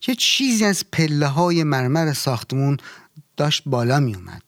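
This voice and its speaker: A man reading a fairy tale aloud in calm, even storybook narration. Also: on the high side, no echo, studio quality. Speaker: translator-narrator.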